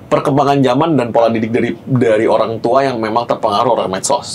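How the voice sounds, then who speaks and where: A man from Java with a Javanese accent, telling animated stories full of slangy banter as a guest in a casual chat. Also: medium pitch, quick pace, breathy edge. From Java, Indonesia. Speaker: guest business owner.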